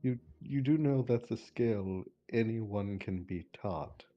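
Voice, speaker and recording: A man playing a stern, pedantic adventurer who corrects others in a measured, formal way, in a tabletop game. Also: on the low side. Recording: slightly muffled stream audio.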